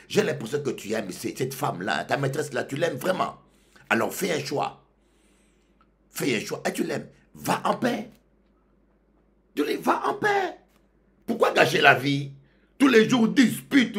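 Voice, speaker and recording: A male pastor from Congo, preaching a sermon that swings from loud outbursts to low murmurs. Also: gravelly.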